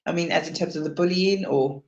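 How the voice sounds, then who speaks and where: Chatty woman host, gravelly, echoey room. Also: fairly low pitch, brisk, muffled recording. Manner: chatty, rambling, restarts questions. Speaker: chat show host. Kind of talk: casual interview chat.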